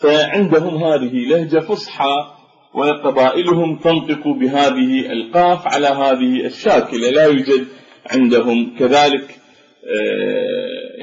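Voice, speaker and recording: A man giving a measured spoken lecture, explaining step by step with frequent pauses and fillers. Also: medium pitch. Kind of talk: spoken lecture on Arabic phonetics. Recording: dull lo-fi recording in an echoey room.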